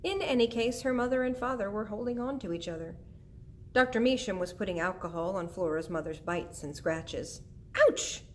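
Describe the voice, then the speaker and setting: A woman narrating a children's book aloud in a gentle, even storytelling manner. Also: medium pitch, a little fast, slight background noise. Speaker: audiobook reader.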